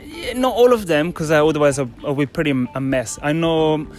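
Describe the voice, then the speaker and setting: A man with a Swiss Italian accent, a native Italian speaker, answering as a chef guest in a relaxed way full of hesitations and fillers. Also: on the high side, a little fast, faint music behind. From Italian-speaking Switzerland. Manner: relaxed, hesitant with many fillers, laughs easily.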